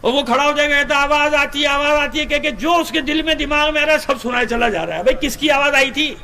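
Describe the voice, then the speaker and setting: A man with a Pakistani Urdu accent giving a sermon and reading hadith, asking his listeners rhetorical questions and chanting the Arabic slowly. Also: very high-pitched, pushed and bright. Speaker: Shia cleric.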